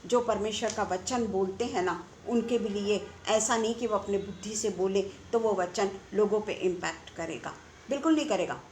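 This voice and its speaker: A woman's voice: medium pitch, normal speed, a little mellow, echoey room, a little hiss or hum. A woman preaching a conversational sermon, asking her listeners rhetorical questions. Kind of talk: online sermon.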